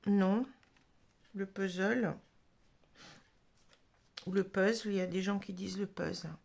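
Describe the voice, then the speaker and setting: Gravelly-voiced woman reading tarot. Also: mid-range voice, fairly even intonation, darkish tone. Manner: halting, full of "hein" and "vous voyez", restarts. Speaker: tarot reader. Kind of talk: casual tarot reading to camera.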